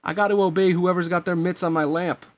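A man's voice: high voice, fairly even intonation, quick pace, pitched above the performer's own voice, close to an everyday voice. A man voicing a reluctant, miserable genie in a casual, slangy, apologetic way for a storybook reading.

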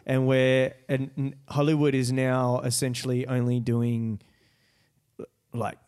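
A man's voice: medium pitch, monotone, slow pace, a little mellow, clear, resonant tone. A man hosting a casual film chat, slangy and sweary, often repeating his words. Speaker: podcast host.

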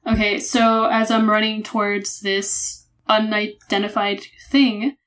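A woman's voice: mid-range voice, flat delivery, slow pace, a bit bright. A woman playing a tabletop game, asking the game master questions hesitantly. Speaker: player. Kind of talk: casual tabletop play.

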